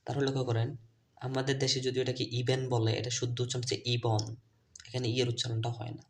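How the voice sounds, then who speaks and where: A man teaching English letter sounds to children's teachers and parents. His first language is Bengali. He spells out the letters and repeats each word slowly. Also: mid-range voice, level tone. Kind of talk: phonics lesson video.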